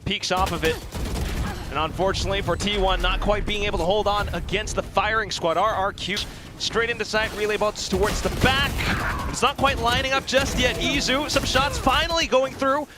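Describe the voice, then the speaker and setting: High-voiced, excitable male esports caster. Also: moderate pace, background noise. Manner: excitable, dramatic. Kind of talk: live esports play-by-play commentary.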